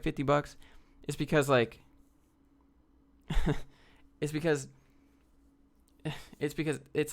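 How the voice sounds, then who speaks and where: This American livestream host chats casually, voicing questions from viewers and answering them bluntly with plenty of slang. His voice is mid-range and creaky.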